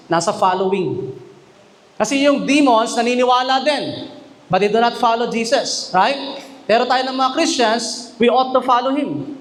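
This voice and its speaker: High-voiced male pastor. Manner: mixes English and Tagalog, often asks the congregation questions, reads verses slowly. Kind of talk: sermon. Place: church chapel.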